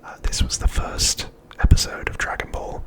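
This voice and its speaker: In the role of an ASMR host, a man gives an episode recap. He whispers, hushed, breathy, and unvoiced, taking a deliberate approach.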